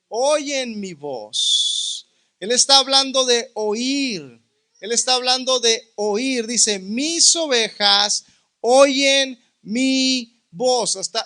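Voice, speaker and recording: A man preaching a sermon as a pastor, teaching with rhetorical questions and drawing out key words slowly. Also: very high-pitched, sharp tone. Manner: asks the listeners rhetorical questions.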